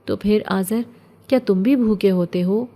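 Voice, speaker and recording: A lonely young orphan girl, played by a woman reading a horror storybook, soft and plaintive in every line. Her voice sits mellow and warm, at an ordinary woman's pitch. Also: lightly acted. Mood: wistful.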